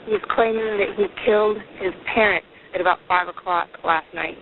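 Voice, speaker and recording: Halting caller on a crackly fading phone. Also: mid-range voice, steady tone, gravelly. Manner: hesitant, halting, many ums. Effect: crackly phone line that fades in and out. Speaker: tip line operator passing on a report. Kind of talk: real emergency phone call. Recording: tinny, noisy phone line.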